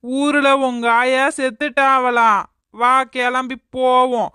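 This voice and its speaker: A performer voicing a patient, soft-hearted village husband in a cartoon, with a Kanyakumari Tamil accent, speaking in a placating, gentle way. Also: sits high, little pitch movement, slow pace, clean tone, no room sound, studio quality, exaggerated voice.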